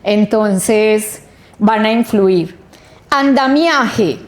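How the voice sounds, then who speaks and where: Slow-speaking woman leading a workshop. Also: a little high, darkish tone. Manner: slow, explanatory, stretching out sounds. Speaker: literacy trainer. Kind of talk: training workshop lecture. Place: training room.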